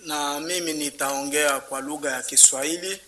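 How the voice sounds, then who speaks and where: A man's voice: a little high, fairly even intonation, normal speed, sharp tone. A man from Congo speaking in short phrases for an interpreter at a council meeting. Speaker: community leader. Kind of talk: public comment speech.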